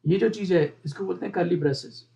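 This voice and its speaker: A man teaching a beginner programming lesson, explaining each part of the code slowly and repeating the terms, often asking his viewers questions. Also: high voice, vocal fry, warm tone. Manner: explains step by step, repeats terms, mixes English terms into Hindi. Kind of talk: screen-recorded coding lesson.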